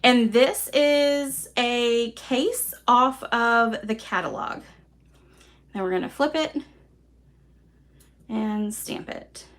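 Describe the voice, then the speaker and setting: A woman with a Southern accent hosting a live card-making class, chatty and relaxed, poking fun at herself. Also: a little high, extremely slow, long pauses. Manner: chatty, relaxed, self-deprecating. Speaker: craft class host.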